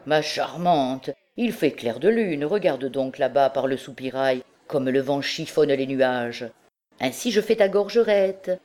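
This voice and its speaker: A boastful, tipsy young male student shouts and jokes his way through a tavern, performed by a woman narrator. He exclaims loudly and laughs, all swagger in an audiobook reading. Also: extremely low pitch, measured pace.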